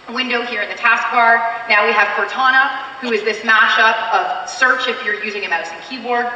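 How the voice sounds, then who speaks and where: A keynote presenter with a Canadian accent gives an upbeat, chatty live product demo on a large convention hall stage, using frequent fillers. Her mid-range voice is pushed and bright. A distant mic picks her up in the echoey hall, with slight background noise.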